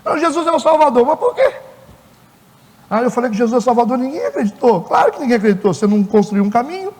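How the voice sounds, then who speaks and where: A man's voice: very high-pitched, animated, quick pace, darkish tone, big-room sound. A man with a Brazilian accent preaching a conversational sermon as pastor. He talks animatedly and acts out little dialogues with different people. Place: church.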